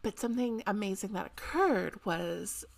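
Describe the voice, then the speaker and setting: A young woman co-hosting a podcast in casual chat, excitable and chatty, often giggling. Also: medium pitch, moderate pace, gravelly. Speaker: podcast co-host.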